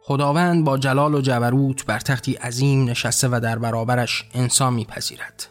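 A man's voice: mid-range voice, fairly even intonation, soft background music. Solemn male story narrator.

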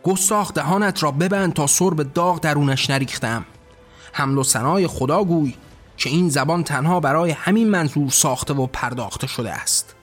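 A man voicing a wrathful almighty male god on his throne, shouting commands and threats. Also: fairly high pitch, steady tone, faint music behind, lightly acted. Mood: furious.

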